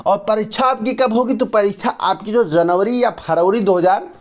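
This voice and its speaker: High-voiced man giving emphatic news commentary. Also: moderate pace, a little mellow. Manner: emphatic, argues with rhetorical questions. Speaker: exam news channel host. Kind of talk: direct-to-camera news commentary.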